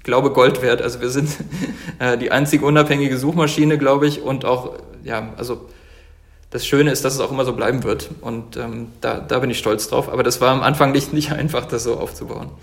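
A man's voice: mid-range voice, steady tone, moderate pace, creaky. A man in his thirties from Germany, a company founder talking earnestly as an interview guest, with many fillers and restarts. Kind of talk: casual interview talk.

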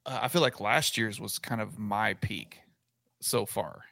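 A man's voice: fairly low pitch, a little slow, vocal fry, pushed and bright, no room sound, studio quality. A man of forty co-hosting a sports podcast, chatting casually and reacting live while he watches a game. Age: 40s. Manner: rambling, self-correcting, watching and reacting live. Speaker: podcast co-host.

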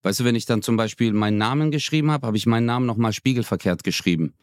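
A man's voice: medium pitch, rapid-fire, a little mellow, dry recording, clean studio sound. A man in his thirties co-hosting a podcast, telling stories in loose slang and acting out what people said. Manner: loose, slangy storytelling, acts out quotes. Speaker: podcast co-host. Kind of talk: casual chat.

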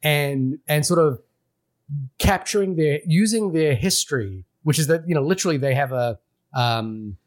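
A man's voice: a little high, expressive, moderate pace. A man from Fiji, a podcast co-host, talking through a film in casual, rambling chat full of restarts and fillers.

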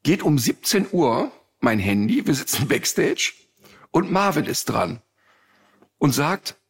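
A man's voice: on the high side, husky. A man hosting a podcast, telling a story casually and with animation, often dropping a "ne?" as he goes. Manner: animated, drawn-out storyteller with frequent "ne?". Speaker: podcast host.

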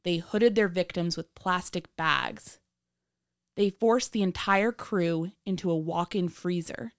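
A woman with a lowish voice narrates true crime as a podcast host. Her delivery is scripted, measured and dramatic, recorded dry and close with no room sound. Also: dry recording.

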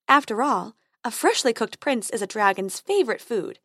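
A cheerful tooth fairy speaks in a high, brisk, bossy chirp, as a woman puts her on. Her voice leaps up and down with energy. The sound is close and dry. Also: sing-song, pushed and bright, no echo, exaggerated voice.

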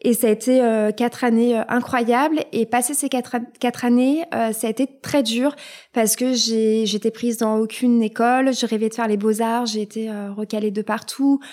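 A woman's voice: on the high side, steady tone, normal speed, a little mellow. A woman guest in a casual interview, talking with many fillers and restarts.

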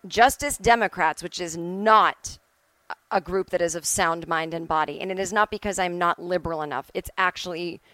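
Speaking at normal speed with a bright, forceful tone, this middle-aged woman's voice sits on the low side, with no echo. She hosts a solo podcast at home, where her casual opinionated monologue turns into a blunt, sweary rant.

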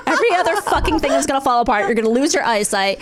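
A woman co-host recovering from throat surgery reads her medical notes aloud in casual chat, dropping wry, profane, deadpan asides. Her voice is high-pitched and she talks very fast.

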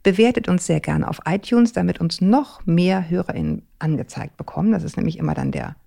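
A woman hosts a relaxed podcast, trading quick, teasing remarks with her guest. Her voice sits lowish for a woman and often drops into a gravelly fry. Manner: chatty, quick asides, teasing. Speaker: podcast host. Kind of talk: casual podcast chat.

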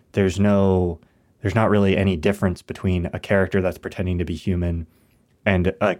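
A man's voice: sits low, a little mellow. A man co-hosting a film podcast, thinking aloud in a reflective, casual way and restarting his sentences as he goes. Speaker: podcast co-host.

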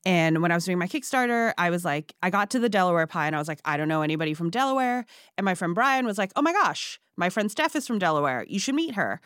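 A woman's voice: fairly low pitch, big pitch swings, fast talker, few pauses, fairly bright tone, clear, resonant tone, dry recording, studio quality. A woman who grew up in Singapore and Hong Kong, chatting casually as a podcast guest with lots of fillers. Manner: chatty, frequent fillers, laughs easily. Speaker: guest, pie baker. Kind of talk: casual interview chat.

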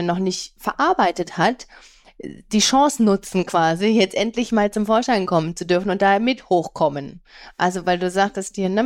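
A woman psychologist co-hosting a podcast, explaining in a calm, reassuring way with many tag questions. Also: mid-range voice. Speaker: psychologist co-host. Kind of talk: casual chat.

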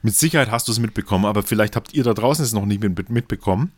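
Talking rapid-fire in a fairly low voice, this Franconian-accented podcast co-host rambles through casual beer chat, frequently correcting himself and quick to laugh. The recording has studio quality and no room sound.

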